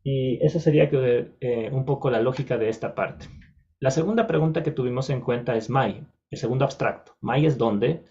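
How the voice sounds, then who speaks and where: A man explains a language lesson to the camera at a patient, steady pace, often pausing on fillers and correcting himself mid-word. His voice sits at a middling pitch for a man. The audio is dull and slightly lo-fi. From Ecuador. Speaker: language teacher. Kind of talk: recorded video lesson.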